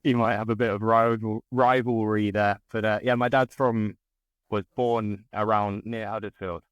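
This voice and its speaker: A man's voice: lowish voice, flat delivery, moderate pace, clear, resonant tone, dry recording. A man from southern England with a modern British RP accent, chatting casually and discursively as an interview guest. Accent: southern English RP. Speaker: interview guest, English teacher. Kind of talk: casual conversation.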